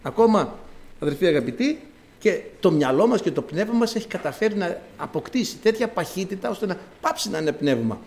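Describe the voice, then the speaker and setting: A man preaching a sermon in an animated, emphatic way. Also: high voice. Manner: animated and emphatic, acting out quoted voices.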